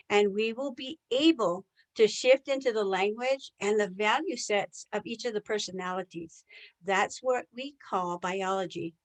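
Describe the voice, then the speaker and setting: Her voice sits fairly high and the audio quality is poor. A native English-speaking trainer, she leads a live online sales session and often draws in her audience with rhetorical questions.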